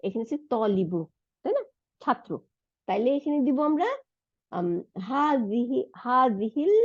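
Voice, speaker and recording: A woman teaches a grammar lesson at a patient pace, checking in with her listeners. Her voice is high and warm, with a slightly breathy edge. The sound is close and dry, slightly dull. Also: no echo. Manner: patient, asks and answers her own questions. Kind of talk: explanatory lesson.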